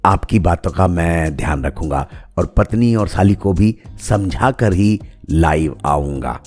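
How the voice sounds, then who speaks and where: A man's voice: sits low, lively intonation, measured pace, a little mellow, faint music behind, voice pushed down. A man voicing a flustered storyteller who apologizes to his online audience. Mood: sheepish. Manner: apologetic, sheepish. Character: flustered middle-aged man, sheepish live storyteller.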